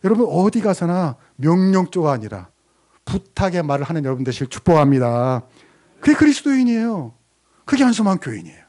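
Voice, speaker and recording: Lively male pastor preaching. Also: fairly high pitch, fairly quick. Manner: animated, quizzing the congregation and answering himself. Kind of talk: sermon.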